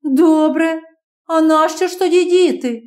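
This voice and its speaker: In this audiobook, a woman reader voices an irritable young wife and mother whose voice jumps high into sharp, scolding outbursts. She speaks in short, cutting bursts. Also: a little slow.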